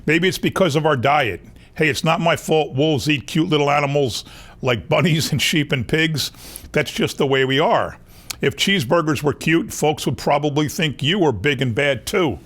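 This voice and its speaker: A man's voice: fairly high pitch, a bit bright. A man reading a children's picture book aloud as a wolf who insists he was wronged, in a folksy, confiding way. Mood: confiding, defensive. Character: wronged, self-excusing male wolf telling his story. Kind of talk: children's storybook narration.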